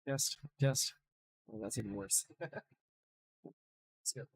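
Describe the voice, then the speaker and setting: A man's voice: mid-range voice, extremely slow, vocal fry, breathy edge. A man talking casually as he reviews cards, his faulty microphone adding a strong reverb to his voice. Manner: chatty, thinking aloud with fillers. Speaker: card game reviewer.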